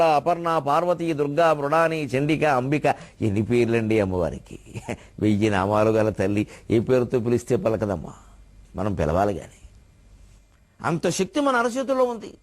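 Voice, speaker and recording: An older man delivering a devotional discourse in a fairly high voice. He swings between soft, low asides and loud, emphatic points, and now and then slips into chanted verse. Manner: expressive, rising and falling in pitch and volume, quoting and chanting verses. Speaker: spiritual speaker. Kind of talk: Telugu religious discourse.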